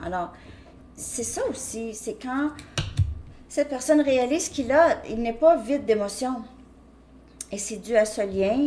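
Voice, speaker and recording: A woman's voice: mid-range voice, darkish tone, slight background noise. A woman giving a casual tarot reading, talking hesitantly with frequent restarts and "ok?" check-ins. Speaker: tarot reader.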